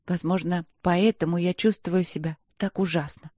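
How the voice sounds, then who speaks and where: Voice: medium pitch, steady tone, normal speed, a little mellow, no echo, studio quality, natural voice. A narrator voicing a young, proud female werepanther student in a fantasy audiobook, sassy and indignant. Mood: earnest. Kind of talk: audiobook character voice.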